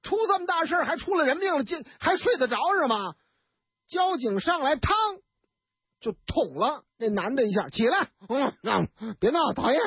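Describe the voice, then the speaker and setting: Animated Beijing radio storyteller. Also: high-pitched, normal speed, no room sound. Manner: chatty, animated, full of sound effects and asides. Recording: dull, dry radio studio recording.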